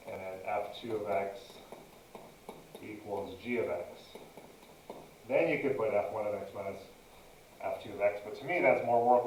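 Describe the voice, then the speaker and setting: A man's voice: medium pitch, roomy sound, dull audio. A man teaching a math lesson, dictating each entry step by step as he narrates a calculator demonstration.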